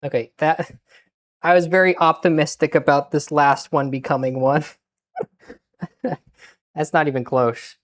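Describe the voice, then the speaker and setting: A man streaming himself cooking, chatting casually with deadpan, self-mocking asides and muttering to himself as he works. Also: fairly high pitch, measured pace, long pauses. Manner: mutters to himself while working. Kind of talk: casual chat while cooking.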